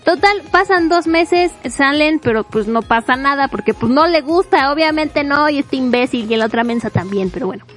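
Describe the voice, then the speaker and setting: A woman casually retelling a manga plot, animated and chatty, laughing often and acting out the characters' lines. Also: high-pitched, normal speed, hardly any pauses. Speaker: manga reviewer.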